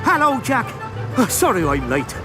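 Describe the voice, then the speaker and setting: A man's voice: extremely high pitch, wildly swooping pitch, normal speed, sharp tone, soft background music, full character voice. A man voicing a cheerful young Irish excavator in a cartoon.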